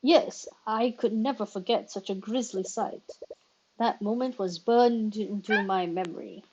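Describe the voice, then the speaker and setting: A woman voicing an earnest adult male eyewitness in a plain, steady read, over game music. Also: mid-range voice, measured pace, highs cut off, noisy background, natural voice.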